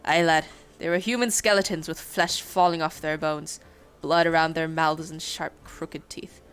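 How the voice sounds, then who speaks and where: A woman voicing a gruff, grieving dwarf adventurer in a put-on rough brogue, read aloud from a story. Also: low-pitched, steady tone, moderate pace, fairly bright tone. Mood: grim.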